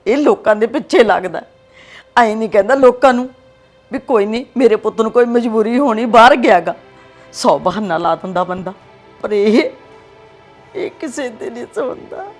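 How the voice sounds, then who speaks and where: A woman playing a tender, anxious older mother-in-law who pleads in a soft, tearful voice. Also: a little high, natural voice. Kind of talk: family drama acting.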